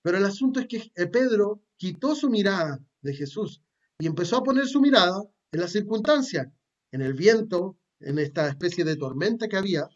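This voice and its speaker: A man's voice: sits high, lively intonation, normal speed, dull audio. A man with a Chilean Spanish accent preaching a sermon, reading scripture aloud and explaining it in a plain, conversational way with fillers and repeated words. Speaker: pastor.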